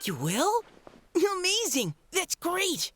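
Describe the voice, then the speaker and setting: An earnest young mapmaker girl, eager and excitable, her voice leaping up and down. Faint background noise in the game audio. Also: mid-range voice, a little slow. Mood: delighted. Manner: eager, stumbling when flustered. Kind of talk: video game dialogue.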